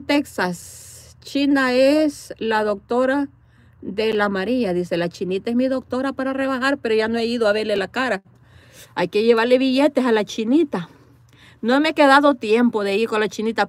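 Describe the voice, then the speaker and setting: A chatty Salvadoran woman with a high voice, recorded with no room sound inside a parked car. As a livestream host she reads viewer comments, laughs often, plays around and responds to commenters in a casual chat with live viewers.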